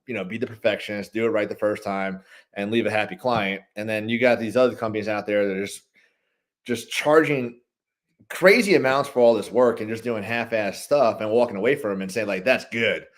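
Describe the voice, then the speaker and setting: A man who runs a lighting business, telling rambling, animated stories in a casual interview. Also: fairly low pitch. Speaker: guest, holiday lighting business owner.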